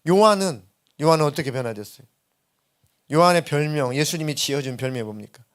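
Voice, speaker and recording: A man's voice: medium pitch, fast talker, clean tone. A man preaching a sermon as senior pastor, telling stories in a conversational way and acting out what people said in a raised voice. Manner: conversational storytelling preaching, acts out quoted dialogue in a raised voice. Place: church sanctuary.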